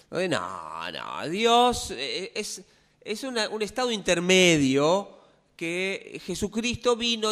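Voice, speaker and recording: Man, pastor, sermon in a church, fairly high voice, very animated delivery. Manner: conversational, asks the congregation questions.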